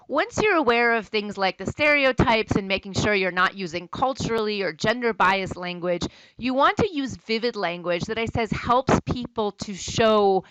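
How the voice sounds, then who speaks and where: A woman's voice: mid-range voice, fairly bright tone, smooth, no echo, low-quality recording. A woman college instructor giving a recorded lecture in a conversational, explanatory way.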